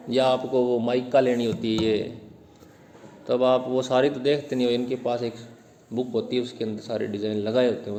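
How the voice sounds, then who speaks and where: Slow-talking man teaching poetry in Hindi. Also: medium pitch, mellow, big-room sound, a little hiss or hum. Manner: explains slowly, asks and answers his own questions, reads English lines word by word. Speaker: English teacher. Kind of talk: Hindi lecture on English poetry.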